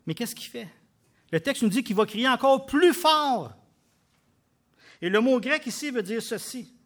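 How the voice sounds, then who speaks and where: A man with a Québécois French accent preaching a sermon, emphatic, with loud bursts and quiet drops. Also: extremely high pitch, animated, measured pace. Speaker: pastor.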